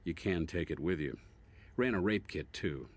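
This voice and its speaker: Very deep-voiced American medical examiner. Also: male voice, animated, moderate pace. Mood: matter-of-fact. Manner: matter-of-fact, instructive. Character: dry, methodical older male medical examiner. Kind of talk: scripted video game dialogue.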